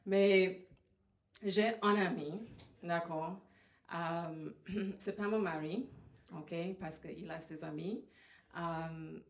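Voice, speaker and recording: Slow-talking Trinidadian woman doing stand-up. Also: mid-range voice, a little mellow. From Trinidad and Tobago. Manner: halting, with many fillers. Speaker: stand-up comedian. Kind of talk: stand-up comedy set. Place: comedy venue. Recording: roomy live venue sound.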